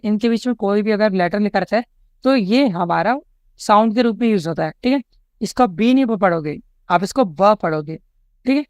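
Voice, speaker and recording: A man with an Indian English accent teaching an exam-prep lesson. He reads each English question slowly, then explains it, often checking in with the students. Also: high voice, clean tone, dry recording. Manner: explanatory, keeps checking in with "ठीक है?".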